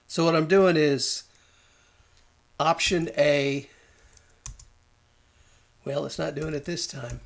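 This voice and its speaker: A man talking through a design software tutorial, thinking aloud and muttering at the program as he works, with keyboard and mouse clicks behind him. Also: fairly high pitch, steady tone, slow pace, vocal fry, long pauses. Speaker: design instructor. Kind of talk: screen-recorded software tutorial.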